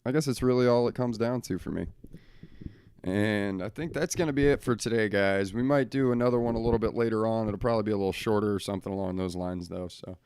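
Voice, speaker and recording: A man's voice: lowish voice, darkish tone, clear, resonant tone, no room sound, clean studio sound. A young man hosting a casual solo podcast from his bedroom, talking bluntly and swearing often as he rants. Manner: blunt, profane and ranting. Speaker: podcast host.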